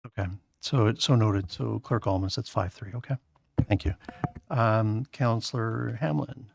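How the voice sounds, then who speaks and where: A man chairing a town council meeting, calling votes in a halting way with many filler sounds. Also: fairly low pitch, creaky, noisy background.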